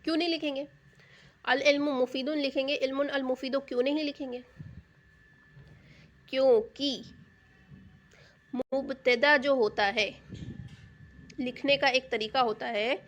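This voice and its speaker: A woman's voice: sits high, steady tone, fairly bright tone, slight background noise. A woman teaching a grammar lesson. She explains patiently, repeats key terms, and asks rhetorical questions to check understanding.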